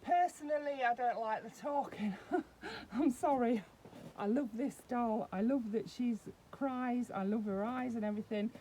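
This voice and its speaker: A woman's voice: fairly high pitch, measured pace, dark tone, slight background noise, poor audio. Chatty woman demonstrating a doll. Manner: chatty, explains step by step while handling the doll. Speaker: doll collector vlogger. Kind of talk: casual unboxing demonstration.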